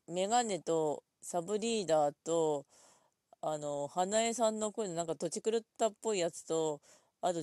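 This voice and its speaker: A woman talking alone in a casual, rambling way, full of fillers, thinking aloud at her computer and drifting into quiet mumbles. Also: fairly low pitch, no room sound. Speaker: solo podcast host.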